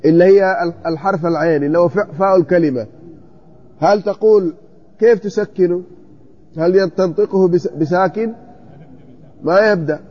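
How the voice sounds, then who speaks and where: High-voiced man teaching grammar. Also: muffled recording. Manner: questioning, checks students' copies, repeats vowel forms slowly. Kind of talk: classroom text study.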